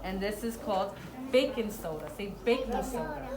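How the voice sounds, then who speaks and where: Expressive and moderately paced, a woman with a mid-range voice teaches young children through a hands-on demonstration. She keeps her instructions short and repetitive and encourages them with praise. A roomy classroom sound carries the chatter of a group of children.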